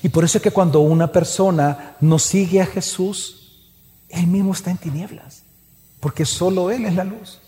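A man preaching a sermon to his congregation, asking rhetorical questions and slowing down to stress each point. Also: high-pitched, mellow. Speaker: pastor. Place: church hall. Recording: long hall reverb.

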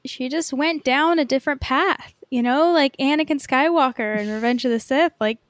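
An American woman hosts a podcast in a relaxed, chatty way, dropping "like" often as she talks. Her voice is high-pitched at a normal speed, with no echo.

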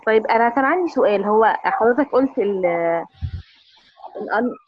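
A woman's voice: a little high, expressive, moderate pace. Woman caller on a glitchy breaking-up line. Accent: Egyptian Arabic. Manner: hesitant, restarting words. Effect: choppy glitchy call line that cuts out. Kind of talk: live call-in question. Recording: dull lo-fi call line with faint music.

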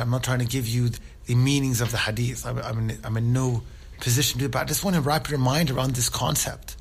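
A man with a gravelly, slightly husky voice gives an informal religious talk. He speaks earnestly and conversationally, often pausing to ask his listeners "right?". His pitch sits in a middle range. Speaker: Islamic speaker.

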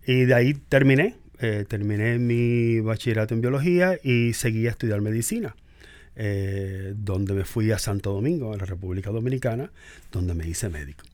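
A man in his sixties from Cuba, a physician guest recalling his past in a hesitant way, with many drawn-out pauses. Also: lowish voice, darkish tone, no echo. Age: 60s. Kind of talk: reflective interview talk.

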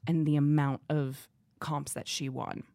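A woman's voice: low voice, little pitch movement, unhurried, creaky, warm tone, no echo, studio quality. A woman co-hosting a casual podcast chat, confident and talking in long runs, with easy laughter. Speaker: podcast co-host.

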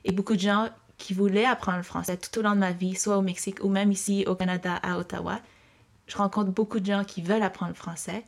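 A woman's voice: mid-range voice, fairly even intonation, a little fast, gravelly. A young woman from Mexico answering interview questions in a hesitant, reflective way, with many fillers and restarts.

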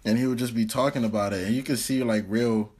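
A young man co-hosting a casual podcast chat, speaking thoughtfully in halting sentences with many fillers. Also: medium pitch, steady tone, a little mellow. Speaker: podcast co-host.

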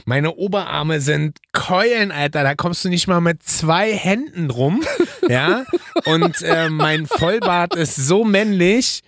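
A man's voice: on the high side, animated, slow, a bit bright, no room sound. A middle-aged man co-hosting a podcast, bragging in jest and trailing off with fillers. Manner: boastful, joking, trailing off with fillers. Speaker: podcast co-host. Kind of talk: casual comedic chat.

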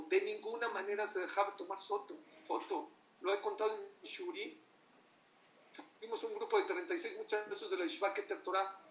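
High-voiced man preaching. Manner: animated storytelling, asks the audience questions. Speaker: religious teacher. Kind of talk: sermon. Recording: echoey room from far off.

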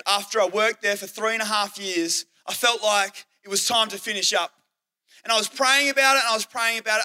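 Young aussie guy preaching to youth, high bright voice, earnest, slows way down on the big points. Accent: Australian. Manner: earnest storytelling, acts out quoted speech, slows for emphasis. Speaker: youth pastor and teacher. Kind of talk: sermon with personal stories.

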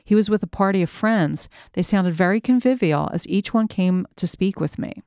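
A woman reading a first-person memoir aloud in a measured, reflective storytelling manner. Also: medium pitch, darkish tone, smooth, no room sound, studio quality. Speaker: narrator.

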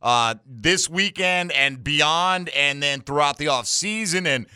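A man's voice: a little high, slow pace, bright, forceful tone, clean tone, dry recording, clean studio sound. An American man hosting a sports call-in radio show, exuberant and emphatic in an informal way. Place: radio studio. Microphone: close studio microphone.

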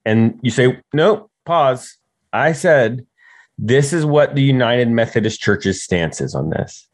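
Man in ministry, talking through teaching advice; lively pitch, dry close sound, keeps asking "right?". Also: unhurried, no echo. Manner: animated, often asks "right?" to check in. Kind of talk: conversational teaching talk.

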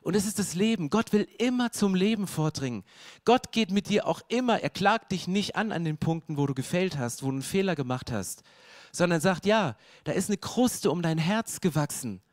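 A man's voice: high-pitched, lively intonation, moderate pace, dry recording, clean studio sound. A male preacher delivering an emphatic sermon in a casual, slangy way, speaking straight to the listener.

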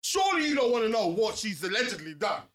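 A man's voice: high voice, sing-song, fast, fairly bright tone. A man with a London accent chatting casually with friends in a slangy, questioning way. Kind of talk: casual group chat.

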